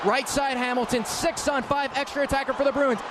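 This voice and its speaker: With an extremely high pitch and a slightly fast delivery, a man calls live ice hockey play-by-play on the radio, clipped, urgent and excitable. Loud hockey arena noise fills the broadcast.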